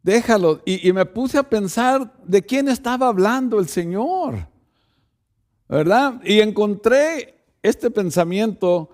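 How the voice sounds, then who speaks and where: Man, pastor, sermon, fairly high voice, rhetorical asides, addresses the congregation. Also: lively intonation, slow, a little mellow. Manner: preaches with rhetorical asides like "¿verdad?"; speaks directly to the congregation.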